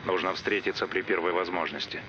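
Brief: low-voiced resistance contact on the radio, dull and crackly with loud noise, terse and businesslike. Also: male voice, fairly quick. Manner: terse radio protocol, calm. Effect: radio transmission.

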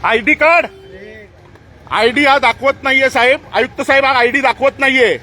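A man's voice: extremely high pitch, fairly even intonation, moderate pace, pushed and bright. A man angrily confronting municipal workers outdoors, scolding and demanding answers while streaming live on his phone. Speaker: citizen confronting municipal staff. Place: outdoors on a busy street. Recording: street traffic noise behind.

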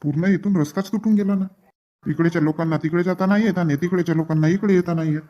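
High-voiced excitable village man. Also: quick pace. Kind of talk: acted rural comedy sketch.

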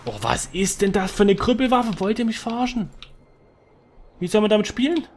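A man giving excitable live commentary over his own gameplay into a headset microphone, calling out wins and losses. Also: high-pitched, brisk, slight background noise. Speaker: gaming commentator.

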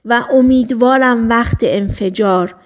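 A woman narrates a novel aloud in a fairly high voice, with measured storytelling pacing. She slows down to stress key phrases. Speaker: audiobook narrator. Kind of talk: scripted narration.

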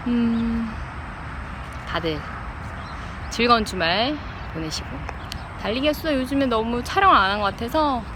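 A person recording a casual, unscripted vlog diary outdoors, chatting reflectively to viewers and pausing mid-thought. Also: medium pitch. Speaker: vlogger. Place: outdoors by a riverside path. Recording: outdoor noise, traffic and city ambience.

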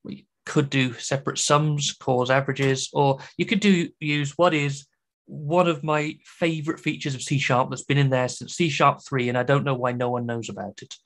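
A man's voice: mid-range voice, steady tone, moderate pace. A man with a British accent giving a chatty, enthusiastic conference talk on programming, with joking asides. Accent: British English. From Britain. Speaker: conference speaker.

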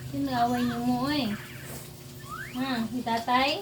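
A woman's voice: on the high side, level tone, moderate pace. A woman chatting casually at home, prompting a child with easy questions. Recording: noisy home recording.

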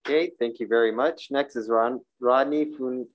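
A man in his forties chairs a public legislative hearing, speaking into a desk microphone on a stand in a hearing room. At medium pitch and normal speed, he reads the rules and calls testifiers, tossing in informal asides and stumbling over names.

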